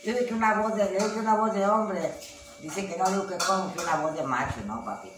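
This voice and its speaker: A woman's voice: mid-range voice, fairly quick. Older woman, Mexican accent, chatty grandmother, rambling and affectionate, distant mic, echo, noisy background. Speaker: vlog host, grandmother. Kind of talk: casual home vlog chat. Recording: echoey, distant mic, clear background noise.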